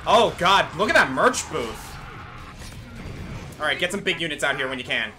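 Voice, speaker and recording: Higher-voiced man coaching through a video game. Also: big pitch swings. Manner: coaching, gives halting step-by-step directions. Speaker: co-commentator guiding the player. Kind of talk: casual let's play chat. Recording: game soundtrack music behind the voice. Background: video game music and battle audio.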